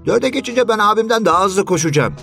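A man's voice: high voice, expressive, fast, vocal fry, pushed and bright, soft background music, pitched above the performer's own voice, heavily acted. A man voicing a cheeky, boastful small boy who talks in a cocky way in an audiobook story.

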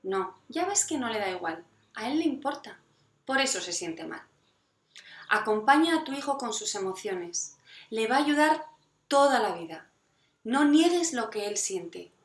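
Woman, parenting educator, expressive and lively, recorded in a roomy space. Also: fairly high pitch, measured pace. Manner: animated, acts out quoted dialogue with parents and children. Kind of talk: advice talk to parents.

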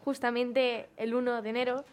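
A woman's voice: a little high, flat delivery, normal speed. A woman chatting on a casual group show, telling personal anecdotes.

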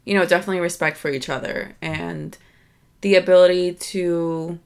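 An American woman with a lowish, gravelly voice talks in a thoughtful, casual way. She agrees warmly with her husband and uses plenty of fillers as she works through her ideas. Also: fairly even intonation, moderate pace. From United States. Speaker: podcast co-host. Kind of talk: casual chat.

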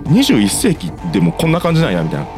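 A man's voice: on the high side, huge pitch swings, racing, music in the background. A young man with a Kansai accent, co-hosting a casual comedy podcast and telling a story with sound effects and acted-out quotes. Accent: Kansai Japanese. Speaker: podcast co-host.

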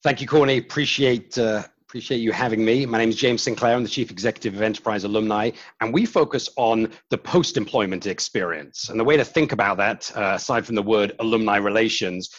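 A man's voice: lowish voice, brisk, hardly any pauses, no echo, dull audio. A male podcast guest and company chief executive, answering interview questions in a casual, self-deprecating way with fillers and restarts.

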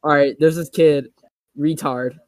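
A man's voice: a little high, fairly even intonation, a little slow, noisy background. A male podcast co-host in casual chat, full of crude jokes and mock insults.

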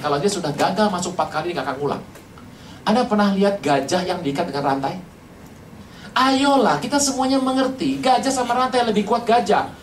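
Animated preacher in a roomy hall. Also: medium pitch, a little hiss or hum. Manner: animated, rhetorical questions to the congregation, jokes. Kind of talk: lively humorous sermon. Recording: roomy, from a distance.

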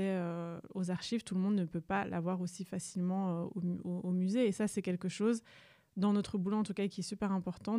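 A woman's voice: medium pitch, dark tone, no room sound, clean studio sound. A young adult woman from Rwanda, answering interview questions about her museum work with frequent fillers and restarts. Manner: hesitant, many fillers and restarts. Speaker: museum staff guest.

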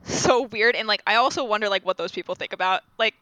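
Bright-voiced young woman chatting. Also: medium pitch, fast talker, dry recording, rough recording. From Rhode Island. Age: 20s. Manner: chatty, many fillers, animated storytelling. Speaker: podcast co-host. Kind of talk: casual chat.

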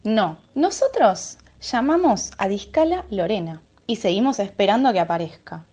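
Actress as a stiff rule-bound clerk in a radio sketch, formal and evasive, lively pitch. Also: female voice, moderate pace, lightly acted. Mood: dismissive. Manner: formal, evasive, politely dismissive. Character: evasive bureaucratic clerk following rules.

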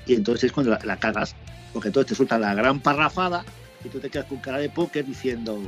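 Man from Spain, casual chat, lively storyteller, faint background music. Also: mid-range voice, quick pace. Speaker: motorcycle traveler guest.

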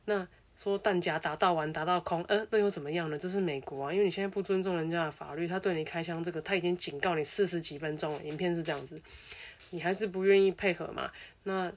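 A woman from Taiwan speaking hosts a casual advice talk. Her voice sits a little low, and her delivery is brisk. She slips into the quoted lines of the people she describes. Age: adult who studied abroad. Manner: chatty, acts out quoted dialogue. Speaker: host.

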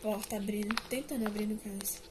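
Fast-talking mineira woman gamer, noisy recording. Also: mid-range voice, steady tone. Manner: jumpy, bossy, jokey. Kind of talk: casual let's-play chat. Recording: loud background noise.

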